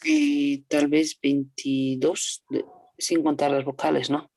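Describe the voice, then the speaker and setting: A woman's voice: low-pitched, little pitch movement, slow pace, darkish tone, no echo. A woman student answering the teacher hesitantly in class.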